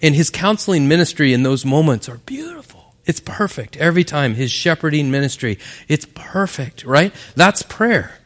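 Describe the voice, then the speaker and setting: A man's voice: fairly high pitch, sing-song, normal speed, a bit bright. A man preaching a sermon in an earnest, conversational way, often asking his listeners "right?". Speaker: pastor.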